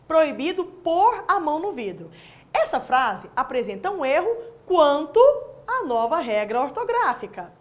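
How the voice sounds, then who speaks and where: Lively high-voiced woman teaching. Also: unhurried. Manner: didactic, asks the viewer questions and answers them; friendly, uses tag questions. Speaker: Portuguese language teacher. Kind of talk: recorded distance-learning lesson.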